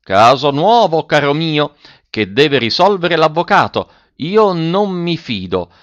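A man's voice: on the high side, big pitch swings, slow, a bit bright, no echo, muffled recording, pitched above the performer's own voice, exaggerated voice. A fussy, stingy landowner, as a man puts him on, scolds and frets aloud. His raised voice leaps up and down as he talks, and it sounds close and dry.

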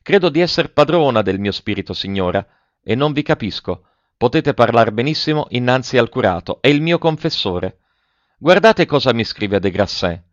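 A man voicing a grave, reserved young woman in an audiobook reading, speaking with measured, cool restraint. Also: on the low side, fairly bright tone, clear, resonant tone, dry recording. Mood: cool irony. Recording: dry, dull lo-fi.

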